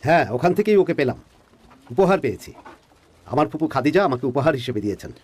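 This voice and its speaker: A friendly traveling trader. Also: male voice, fairly high pitch, fast talker, slightly rough. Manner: friendly, relaxed. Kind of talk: dubbed drama dialogue.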